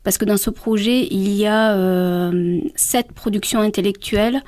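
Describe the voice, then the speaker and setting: A woman explaining things in a radio interview, halting often as she searches for words. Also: medium pitch, fairly even intonation, darkish tone, dry recording.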